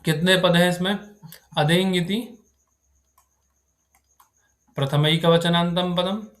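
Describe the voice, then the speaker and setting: A man's voice: high-pitched, fairly even intonation, slow pace, fairly bright tone. A man teaching Sanskrit grammar to a live class, who quizzes his students and keeps checking whether they have understood.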